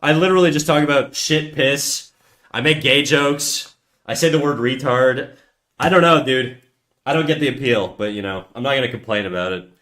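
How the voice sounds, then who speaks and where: A man with a mid-range, somewhat bright voice talks at normal speed during a drawing livestream. His casual talk rambles and is profane and self-mocking, with sentences he frequently restarts.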